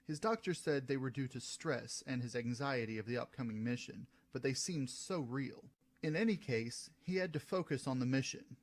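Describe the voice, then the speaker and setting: A man narrating his own science fiction story in a steady reading voice. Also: mid-range voice, moderate pace, few pauses. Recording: soft music behind.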